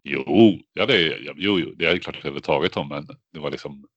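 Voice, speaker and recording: A man with a very low, deep voice talks through a casual podcast chat, winding through his stories with constant filler words and restarts. The sound is close and dry, with no room around it. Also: a bit bright, dry recording, highs cut off. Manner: rambling, filler-heavy storytelling. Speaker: podcast co-host.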